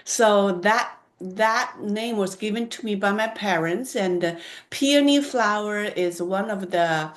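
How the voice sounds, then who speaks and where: Woman guest, slow and thoughtful, searching for words sometimes. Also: medium pitch. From China. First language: Chinese. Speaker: guest, holistic nutritionist. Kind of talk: podcast interview.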